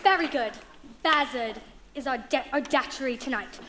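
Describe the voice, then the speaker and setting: A woman's voice: sits high, moderate pace, a loud crowd, heavy background noise, close to an everyday voice. An actress playing a cheeky, sweet young woman on a theatre stage, projecting playfully to the audience. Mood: arch. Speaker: stage actress in a music hall murder mystery. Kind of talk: live theatrical performance.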